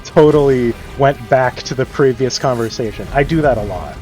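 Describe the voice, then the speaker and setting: A man's voice: mid-range voice, normal speed, a little mellow. A man streaming a game and chatting casually, rambling with many fillers and frequent chuckles. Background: game music.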